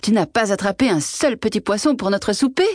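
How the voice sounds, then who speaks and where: A woman's voice: medium pitch, animated, fairly quick, no room sound, clean studio sound, pitched above the performer's own voice, lightly acted. A woman voicing a greedy, scolding old peasant wife who shrilly demands more.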